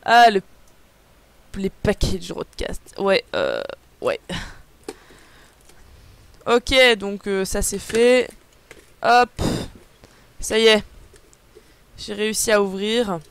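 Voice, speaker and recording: A woman's voice: mid-range voice, very animated, slow pace, vocal fry, pauses often, smooth. A young woman chatting casually on a live unboxing stream, rambling with lots of fillers and answering chat messages aloud. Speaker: livestreamer.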